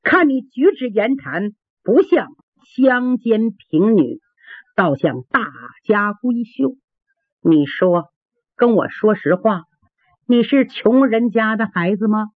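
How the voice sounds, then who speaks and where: A proud young princess in an old tale speaks with gracious command, her tone swinging widely and a little husky, as a woman storyteller plays her. The sound is dry and tinny, like a phone line. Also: medium pitch, lively intonation, takes it slowly, no room sound.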